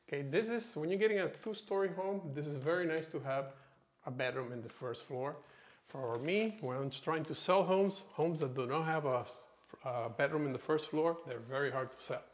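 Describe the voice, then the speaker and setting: This male real estate agent walks through an empty new house indoors, chatting through a casual tour with informal sales patter and tagging many phrases with "okay." His voice is on the high side at a normal speed, and the bare space gives the audio an echoey reverb.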